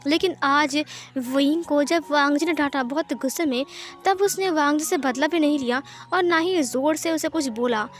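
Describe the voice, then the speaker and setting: A woman's voice: high voice, moderate pace, soft background music. A woman narrating a fan fiction story, reading it in a plain storytelling manner. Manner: plain storytelling with many speech tags.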